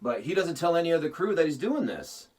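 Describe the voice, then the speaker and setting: A man co-hosting a casual podcast, recapping a movie plot in an animated storytelling way. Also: a little high, a little fast. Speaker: podcast co-host. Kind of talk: casual chat, movie review. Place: remote, separate location. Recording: distant mic with faint noise.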